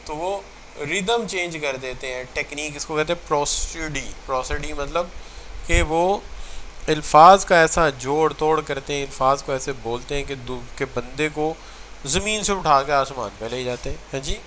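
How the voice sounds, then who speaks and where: A man's voice: on the high side, bright, forceful tone, a little hiss or hum, low-quality recording. A man teaching a recorded lecture to students, mixing English terms into his talk and repeating phrases to show how tone changes meaning. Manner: mixes English terms into Urdu, addresses students as children.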